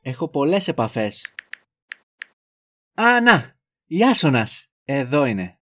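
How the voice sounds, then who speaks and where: A man's voice: mid-range voice, very animated, a bit bright. Guy doing a bumbling roommate, dithery and goofy, mid voice. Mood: dithering. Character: clueless, fussy young man, a bumbling roommate.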